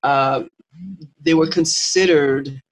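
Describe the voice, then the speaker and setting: A host of a live talk, explaining spiritual lore in a teaching way, pausing and restarting often. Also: mid-range voice, fairly even intonation, slight background noise, low-quality recording. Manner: explanatory, with many fillers and restarts.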